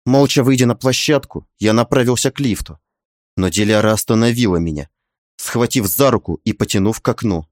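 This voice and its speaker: A man's voice: on the low side, a little fast, no room sound. Man narrating a novel, dry close sound. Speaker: audiobook narrator. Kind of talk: first-person novel narration.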